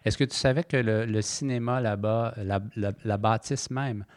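A man hosts a relaxed podcast conversation, chiming in with facts and repeating words as he goes. His voice is on the low side. The sound is dry and close to the mic. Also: moderate pace, no room sound. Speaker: podcast host. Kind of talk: casual podcast chat.

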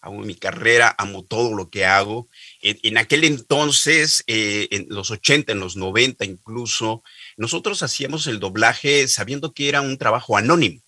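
A middle-aged man with a low-pitched yet intensely bright, forceful voice. He tells career anecdotes as an interview guest in a lively way, often repeating words while he gathers his thoughts, and the sound is close and dry. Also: normal speed, dry recording. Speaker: voice actor guest. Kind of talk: interview storytelling.

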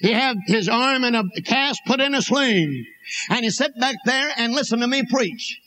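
A man's voice: very high voice, animated, normal speed, bright, forceful tone, poor audio. A man with an Appalachian accent preaching a personal testimony, telling it as a folksy, dramatic story and acting out the dialogue. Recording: noticeable background noise.

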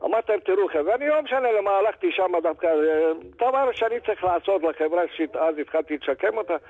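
An older man and grandfather calling in to a radio show, telling a story in an animated way and acting out the dialogue. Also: high-pitched. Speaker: caller. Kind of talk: phone-in storytelling. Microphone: telephone. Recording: tinny phone line.

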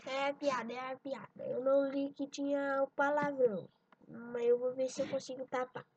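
A woman's voice: sits high, flat delivery, normal speed, darkish tone, breathy edge, far from the mic, highs cut off. A woman reading jokes aloud, stumbling over words and laughing at her own punchlines. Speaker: joke reader.

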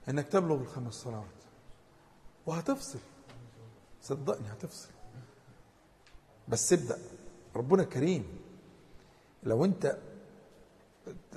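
A man with an Egyptian accent giving a lively religious lesson to a group, emphatic and given to stammered restarts. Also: fairly high pitch, vocal fry. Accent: Egyptian Arabic. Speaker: religious teacher. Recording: long hall reverb.

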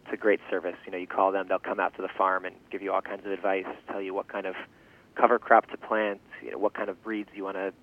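A man in his twenties giving a casual interview, halting and thinking aloud as he goes, often restarting phrases. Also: low-pitched, completely flat delivery. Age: 20s. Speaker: interview guest, farm founder and language teacher. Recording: thin phone-like radio interview sound.

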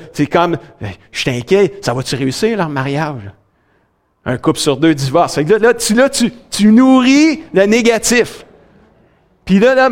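High-voiced Québécois man preaching. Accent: Québécois French. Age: middle-aged. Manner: lively preaching, swings from high excited to low quiet; fills with "là", talks directly to the congregation. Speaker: pastor. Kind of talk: sermon.

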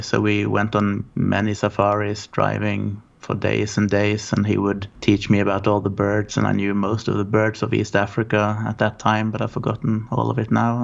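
Man from Norway, 40s, gravelly, flat low delivery, rambling guest on a dull call line. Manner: relaxed, rambling storytelling. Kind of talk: casual interview.

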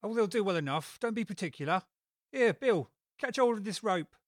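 A woman's voice: mid-range voice, expressive, normal speed, dry recording, clean studio sound, natural voice. A woman voicing a brusque male workman giving orders in an audiobook.

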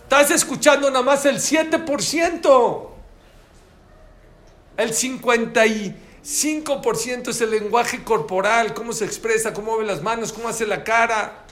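With a very high-pitched voice and a slightly slow pace, a man with a Mexican Spanish accent gives an animated lecture on listening, asking his audience questions along the way. The recording is echoey, with faint ambient noise from the live room.

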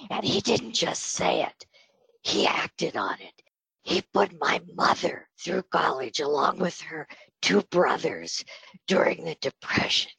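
An older woman with a breathy, whispery voice, speaking as a podcast guest and telling her story in a slow, measured way. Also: on the low side, a bit bright, no room sound, rough recording. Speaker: podcast guest, retired health system executive. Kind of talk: interview storytelling.

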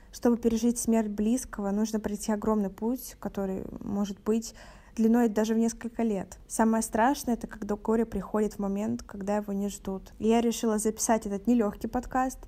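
Young woman podcast host, 18, from Russia; steady, even delivery with a mellow timbre. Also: mid-range voice. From Novorossiysk, Russia. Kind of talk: podcast talk.

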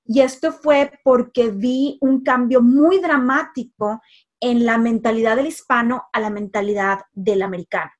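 A woman's voice: on the high side, measured pace, highs cut off. Woman telling her story, emphatic. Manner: emphatic repetitions and frequent fillers. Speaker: life coach. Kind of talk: personal life story told casually.

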